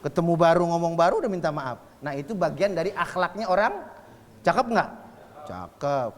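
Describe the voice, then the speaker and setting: A man preaching at a religious study session in a lively, joking way, asking his audience questions and answering them. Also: fairly high pitch, moderate pace, big-room sound.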